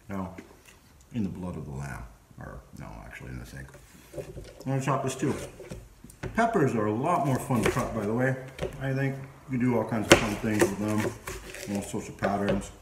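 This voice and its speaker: A man in his forties hosts a cooking show from his home kitchen and talks playfully to the viewer. His voice sits low, but the pitch swings widely as he jokes. The kitchen is echoey, with clear background noise and the sound of chopping. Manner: chatty, playful, talks to camera while chopping. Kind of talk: casual cooking vlog.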